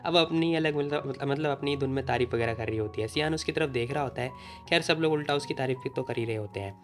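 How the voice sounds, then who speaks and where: A young man casually narrating a comic recap in a chatty way, full of fillers. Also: medium pitch. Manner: chatty, fast, many fillers. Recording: faint background music.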